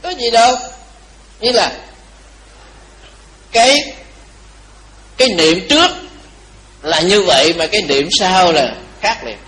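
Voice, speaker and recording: A tired man giving a Buddhist dharma talk, telling a story with lively rhetorical questions to his listeners. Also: sits high, slow, long pauses, poor audio. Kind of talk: storytelling sermon to a live audience.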